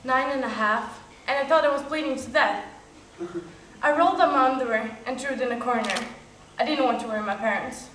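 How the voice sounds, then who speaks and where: A woman's voice: high-pitched, fairly quick, a bit bright. A young woman performing a stage monologue with earnest, confessional telling. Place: stage in a hall. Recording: roomy hall from far off, faint noise.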